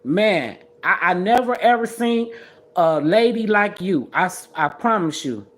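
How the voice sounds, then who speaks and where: A woman's voice: medium pitch, lively intonation, measured pace. Woman in her sixties, livestream host, blunt, scolding, casual trash talk, mid-range voice. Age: 60s.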